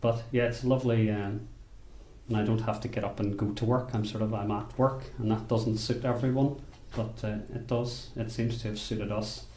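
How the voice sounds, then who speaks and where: Low, flat-voiced Northern Irish man. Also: reverberant. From Belfast, Northern Ireland. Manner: unhurried, thoughtful, with frequent restarts. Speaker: basket maker. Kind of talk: interview monologue. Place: rural workshop or home.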